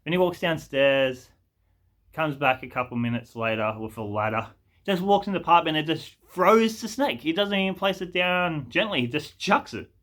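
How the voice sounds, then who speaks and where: Aussie guy rambling through a storytime, bright voice, lots of ums and restarts. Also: fairly high pitch, animated, moderate pace. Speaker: vlogger telling a story. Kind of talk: casual storytime monologue.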